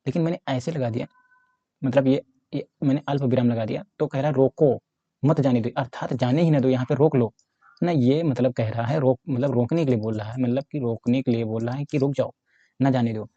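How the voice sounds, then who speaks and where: A man's voice: medium pitch, fairly even intonation, a little fast, warm tone, no echo, lo-fi sound. A man teaching a Hindi grammar lesson for exam preparation, explaining step by step while writing and often checking in with his students.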